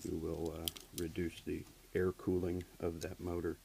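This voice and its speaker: Deep, creaky, and mellow, a man speaks monotone at a moderate pace while explaining an HVAC repair plainly and step by step, leaning on frequent fillers. He's an HVAC technician holding the camera as he works in the basement furnace area and workshop, and the poor audio has a little hiss or hum.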